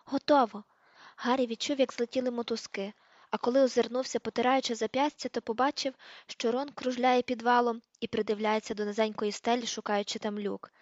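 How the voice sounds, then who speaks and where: Woman audiobook narrator, steady reading, slightly high voice. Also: a little fast, no room sound. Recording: dull lo-fi recording.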